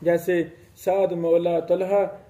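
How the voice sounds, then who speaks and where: A man teaching a religious studies class, explaining slowly, reciting Arabic passages and checking whether his students follow. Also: sits high, little pitch movement, dark tone. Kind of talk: classroom lecture.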